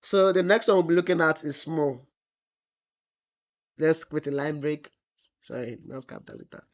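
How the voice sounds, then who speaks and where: Guy doing a coding tutorial, kinda high voice, keeps going "what?" then answering himself. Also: normal speed. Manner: asks the class rhetorical "what?" questions, then answers them; drawls and trails off while typing example text. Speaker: web development instructor. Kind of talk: screen-recorded coding tutorial.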